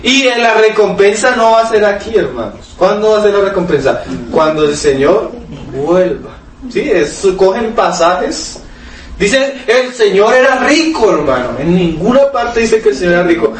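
A man with a high, animated voice preaches at a normal pace, posing rhetorical questions and reading scripture aloud to his listeners. The recording has a distant mic in an echoey room with faint noise.

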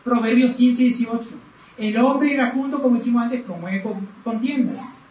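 Earnest male preacher, rhetorical questions, slow measured scripture reading; roomy, lo-fi recording with faint background noise. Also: extremely high pitch, a little mellow. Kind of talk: sermon. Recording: roomy, distant, dull sound with faint background.

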